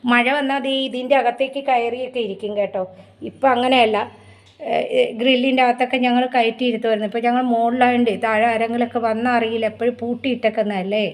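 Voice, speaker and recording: A woman chatting casually to her viewers about her home chores, often cooing to her pet dog in a high sing-song voice. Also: little pitch movement, fast. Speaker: vlogger. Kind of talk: casual home vlog chat.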